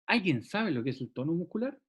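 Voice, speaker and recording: A man's voice: fairly high pitch, big pitch swings, fairly quick, slightly rough, lo-fi sound. A man teaching a classroom anatomy lecture, explaining step by step and often checking in with the class.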